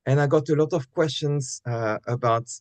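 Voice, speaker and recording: A man's voice: mid-range voice, normal speed, dry recording. A man hosting a live online interview, welcoming and introducing his guest in a polite, formal way. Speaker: host.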